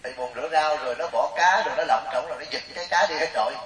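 Fast-talking preacher. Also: male voice, on the high side, a bit bright, slight background noise. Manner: storytelling, chatty, keeps asking the audience questions. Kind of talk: humorous Buddhist sermon to a gathering. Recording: roomy, distant mic.

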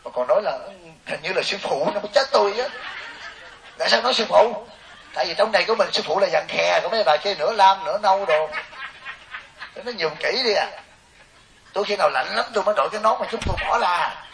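A Buddhist monk gives lay listeners a dharma talk full of jokes and stories, quoting other people's voices as he goes. His voice is high-pitched with vocal fry, and he speaks quickly and animatedly. The recording is hissy and distant.

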